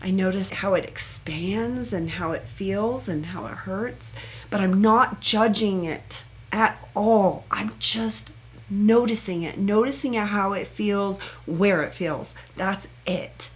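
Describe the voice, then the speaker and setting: A woman teaching a self-help meditation technique in a soft, earnest manner, speaking in short, repeated phrases. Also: mid-range voice, slow. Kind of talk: gentle guided self-help instruction.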